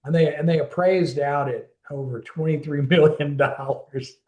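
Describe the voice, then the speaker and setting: A man's voice: on the high side, steady tone, normal speed, roomy sound, phone-quality sound. A man in his fifties telling a long story in a casual oral-history interview, rambling with restarts and acting out quoted dialogue. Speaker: interviewee recalling a friend.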